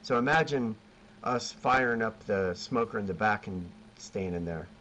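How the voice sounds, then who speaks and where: A man's voice: fairly low pitch, normal speed, a bit bright. A man chatting loosely about barbecue catering, his stories wandering and self-mocking. He comes through a video call that sounds dull and lo-fi. A faint hiss sits behind his voice. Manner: rambling storyteller, laughs at himself. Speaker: BBQ caterer, guest. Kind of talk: casual chat.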